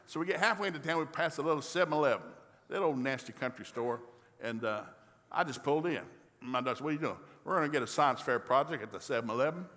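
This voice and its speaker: A middle-aged man preaching in a church, telling a folksy, humorous story and acting out the dialogue in lively voices. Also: mid-range voice, quick pace. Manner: folksy, animated, acts out dialogue. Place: church sanctuary. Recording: long reverb of a large hall.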